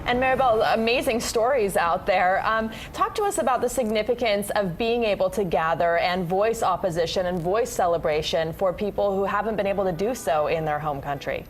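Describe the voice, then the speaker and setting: A woman's voice: mid-range voice, animated, fairly quick, few pauses. Female anchor, upbeat and prompting, mid voice, faint hum behind. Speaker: news anchor. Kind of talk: studio question to reporter.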